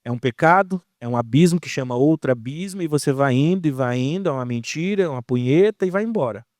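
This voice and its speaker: Animated Brazilian preacher man. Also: on the high side, fast, dry recording, clean studio sound. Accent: Brazilian Portuguese. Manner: colloquial, animated, slang-filled. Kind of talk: casual sermon.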